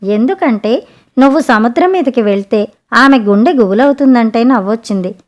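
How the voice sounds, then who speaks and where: A woman voicing a clever, sharp-tongued young sea maiden in a spoken storybook, talking frankly and chidingly. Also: fairly high pitch, lively intonation, normal speed, highs cut off, lightly acted.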